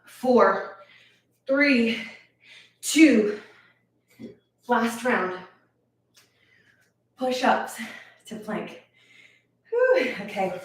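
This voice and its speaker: Winded fitness instructor in echoey room. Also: female voice, on the high side, expressive, very slow, long pauses, far from the mic. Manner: encouraging, counts reps aloud. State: out of breath. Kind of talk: live workout instruction.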